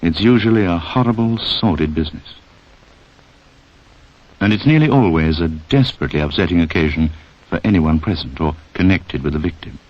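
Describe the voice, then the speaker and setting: Speaking briskly in a low-pitched voice, a man narrates a 1960s instructional film as a public information narrator. The script addresses the viewer directly, and the audio is the dull, band-limited sound of a 1960s film.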